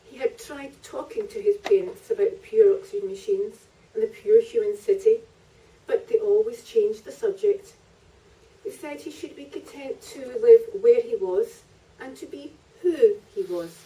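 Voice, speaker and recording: A woman author with a slightly high, mellow voice reads narrative prose from her book at a moderate pace. She's recorded by a distant mic during a live festival reading in a library.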